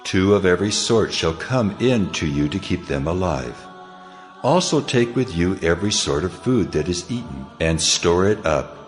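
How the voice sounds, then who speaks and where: An actor playing God in a dramatized scripture reading, a solemn almighty deity speaking in a grave, commanding, declamatory way. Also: male voice, low voice, animated, normal speed. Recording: long cavernous reverb over music.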